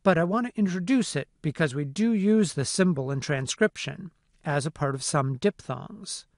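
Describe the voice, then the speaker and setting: A man narrating a phonetics lesson in a clear, methodical way. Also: a little high, no room sound, clean studio sound. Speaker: phonetics instructor. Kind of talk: scripted lecture narration.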